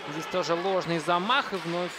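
A man giving unscripted live ice hockey commentary, often pausing mid-sentence to find words. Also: high-pitched. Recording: loud rink noise behind the voice. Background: noisy indoor ice rink.

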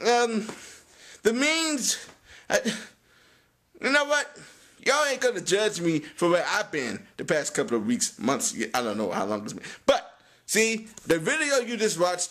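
A young man vlogs casually at home in a high, bright voice. His intonation swings widely, with emphatic, choppy phrasing. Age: young adult. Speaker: video creator. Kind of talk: casual vlog to camera. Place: small room at home.

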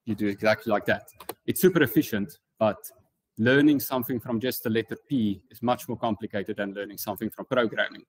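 This man, who has a South African accent, presents a casual technical talk with slides at a conference, keeping his explanations informal. His voice is lowish and there's no room sound.

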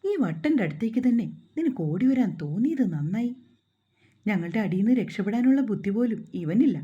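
A woman's voice: on the high side, expressive, fairly quick, husky, lo-fi sound. Woman reading a sneering young bully. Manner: sneering, menacing. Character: cruel young man, mocking bully.

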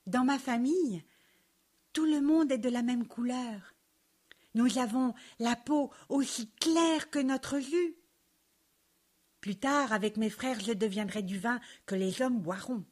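A woman doing Joligrain, a bright curious little grape. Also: a little high, slow. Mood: gentle. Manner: wide-eyed, playful, joking.

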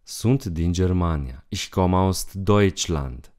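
Very deep, slow-spoken male language teacher. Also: darkish tone. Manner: slow, repeats each phrase twice. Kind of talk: bilingual language lesson.

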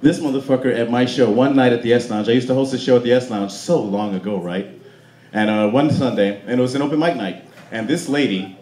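Filmed from the crowd, an American man speaking at medium pitch roasts the room from a club stage in front of a live audience. His brash, animated, swear-filled act includes talking back to hecklers. Sound comes from his handheld mic through a roomy club PA, mixed with audience noise.

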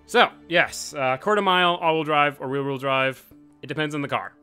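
This time the young channel host's voice sits fairly high, bright and forceful yet smooth, at a normal speed. He offers casual racing-game commentary punctuated by frustrated outbursts and swearing. Music, game audio, and engine noise sit under his voice.

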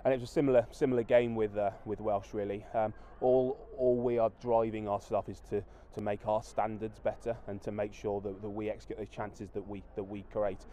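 Fast-talking rugby coach, halting speech. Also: male voice, lowish voice, flat delivery, mellow, slight background noise. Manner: halting, many restarts and fillers. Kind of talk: post-match interview. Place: outdoors at a floodlit rugby ground at night.

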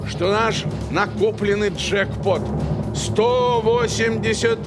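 A man in his sixties with a high-set voice works as a bingo caller on a studio lottery show. He announces numbers deliberately and tags them with catchphrases. Music plays behind him. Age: 60s. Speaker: lottery draw host. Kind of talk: bingo-caller number calling with nicknames and quips. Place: large TV studio. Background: music under the voice.

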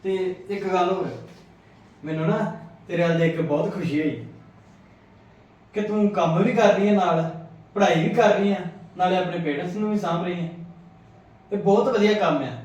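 An actor playing a kind grown son who calmly defends a maid's daughter and reassures her. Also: high voice, normal speed, pauses often, highs cut off, close to an everyday voice. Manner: calm, soothing, gently pleading. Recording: echoey room, voice from a distance.

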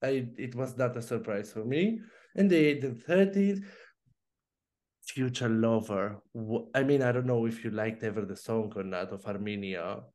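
A co-host chats animatedly on a video call from a home room with plants, speaking in quick bursts with fillers and laughs. His voice is medium-pitched.

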